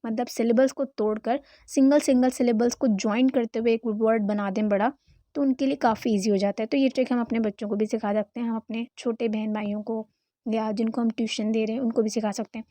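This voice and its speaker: Young woman teaching grammar online, mellow voice a bit high, dry close sound. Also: fairly even intonation, no room sound. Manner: explains slowly, mixing Hindi-Urdu with English terms. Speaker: English teacher.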